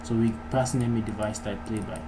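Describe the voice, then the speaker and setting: Talking fast in a lowish, steady voice, a man narrates a relaxed coding tutorial, musing aloud at every step. Keyboard clatter and background noise make the recording clearly noisy.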